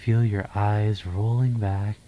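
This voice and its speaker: A man guides an ASMR-style meditation, speaking softly and breathily, half whispering, with a soothing, gentle manner and pauses between phrases. His voice is lowish and level, with slight background noise.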